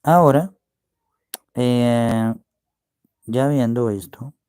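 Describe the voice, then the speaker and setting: This preacher has a mid-range voice that's warm and clean, captured in studio quality with no echo. Slowly explaining Bible words over a screen share, he keeps asking his listeners "¿ve?" to confirm they can see.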